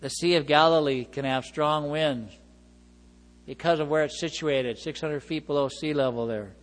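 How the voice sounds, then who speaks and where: A man's voice: a little high, normal speed. Preaching man in a reverberant hall. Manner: expressive preaching, reads scripture aloud. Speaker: pastor. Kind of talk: sermon.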